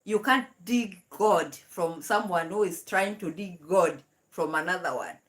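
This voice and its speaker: A woman's voice: lowish voice, a little slow, a bit bright. A young woman hosting a live stream, giving mocking commentary and laughing between remarks.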